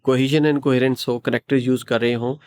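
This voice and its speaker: A man's voice: mid-range voice, little pitch movement, normal speed, a little mellow, clear, resonant tone. A man from Pakistan with a Pakistani accent, an IELTS teacher explaining patiently in an interview and repeating phrases for emphasis. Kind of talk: interview answers, mixing English phrases.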